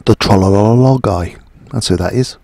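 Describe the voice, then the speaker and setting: A man's voice: lowish voice, normal speed, vocal fry, a little mellow, no room sound, faint music behind. Sarcastic man commentating a game. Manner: sarcastic, rambling and self-mocking. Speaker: gaming commentator. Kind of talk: let's play commentary.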